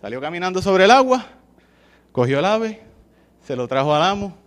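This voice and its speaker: A man's voice: high-pitched, sing-song, moderate pace. A man with a Puerto Rican accent giving an informal sermon, chatting with the listeners and often asking "¿verdad?" as he tells a story. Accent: Puerto Rican Spanish. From Puerto Rico.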